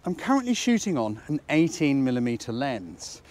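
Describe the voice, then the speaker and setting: Very animated and a little mellow at a moderate pace, a British photography presenter and instructor in his fifties talks casually to camera outdoors by a harbour slipway on the water. A cold leaves his voice squeaky, and he jokes around and poses rhetorical questions as he teaches.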